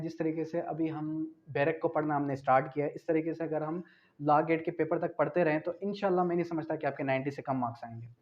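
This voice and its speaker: This Pakistani-accented law lecturer has a slightly high, somewhat mellow voice. Coaching for an exam, he reads definitions aloud didactically, goes back over key phrases, and throws in rhetorical questions, switching from Urdu to slowly spoken English. The recording quality is dull and lo-fi.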